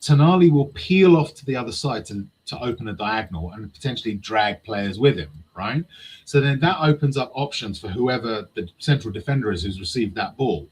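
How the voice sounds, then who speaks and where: A man's voice: lowish voice, lively intonation, a little fast, slightly rough, poor audio. A man talking football tactics in casual chat, passionate and swearing freely.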